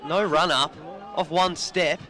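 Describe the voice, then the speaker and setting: A man with an Australian accent doing relaxed, chatty commentary of a local football match from a box above the ground. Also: a little high, slow. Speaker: sports commentator. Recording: crowd noise behind the voice.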